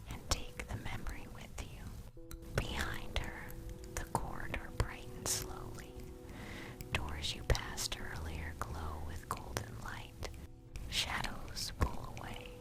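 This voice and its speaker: Slow, even whisper narrating an ASMR bedtime story. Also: very deep voice. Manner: whispering throughout, unvoiced; slow, hushed, soothing second-person storytelling. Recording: clear music bed under whisper. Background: music.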